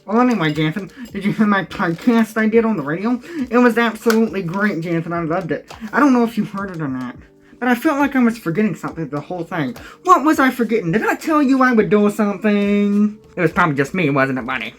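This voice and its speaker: A goofy, boastful young man plays an oblivious radio guest in a comedy sketch, his voice pitched fairly high. He talks with cheerful self-importance. Music plays under the voice. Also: animated, quick pace, a bit bright.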